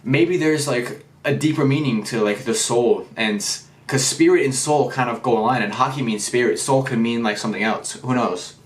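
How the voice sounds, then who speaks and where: A young man chatting casually in a vlog review, slangy and excitable, swearing freely. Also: medium pitch, moderate pace, few pauses. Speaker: anime and manga reviewer. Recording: roomy echo.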